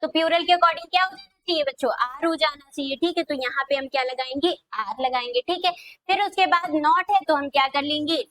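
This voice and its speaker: Woman, high-pitched, grammar teacher, question-and-answer style, slow dictation. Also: fairly bright tone, no echo, poor audio. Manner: repeats questions back to students, drawn-out dictation. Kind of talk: classroom video lesson.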